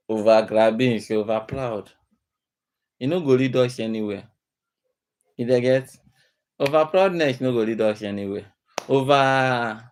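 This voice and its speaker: A man's voice: mid-range voice, a little mellow. A man with a Nigerian accent giving informal advice in a Nigerian Pidgin manner, earnest and admonishing, repeating himself for emphasis. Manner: earnest, admonishing, rhetorical repetition. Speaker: speaker giving community advice.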